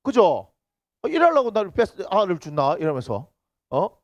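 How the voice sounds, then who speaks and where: A male pastor with a Gyeongsang accent preaches a lively sermon, his fairly high voice leaping up and down as he jokes with the congregation. The sound is close and dry, caught on a handheld microphone. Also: fairly quick, no echo. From Busan. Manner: lively, teasing, banters with the congregation. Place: church sanctuary.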